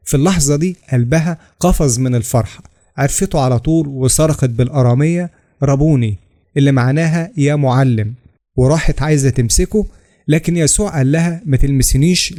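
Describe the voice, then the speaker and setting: A man with an Egyptian Arabic accent reading scripted religious narration, steady and explanatory, citing scripture references. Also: fairly high pitch. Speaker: channel narrator.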